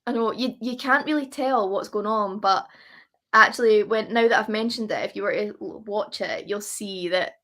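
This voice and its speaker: A woman's voice: medium pitch, moderate pace, fairly bright tone. A woman chatting casually as a guest, gushing and repeating herself for emphasis. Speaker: interview guest. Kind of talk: casual chat.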